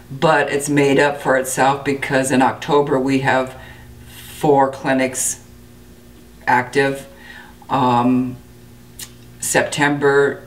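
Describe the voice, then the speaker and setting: A woman in her sixties, a dental clinic director, giving a steady, matter-of-fact interview with frequent fillers. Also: a bass voice, recorded from a distance. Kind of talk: interview to camera. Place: indoor clinic room.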